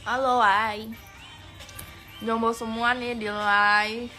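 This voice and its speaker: Bright, playful young woman streamer. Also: fairly high pitch, flat delivery, takes it slowly, faint music behind.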